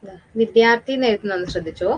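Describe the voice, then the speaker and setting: A woman with a Malayali accent teaching a Hindi class, explaining patiently, repeating words slowly and asking the students questions. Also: mid-range voice, highs cut off.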